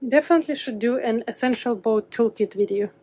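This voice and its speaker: A young woman vlogs from a small boat cabin, holding her phone at arm's length and talking a little fast in a fairly high voice. She's lively and playful with the camera, speaking English as a non-native speaker, with a slight hiss or hum on the audio.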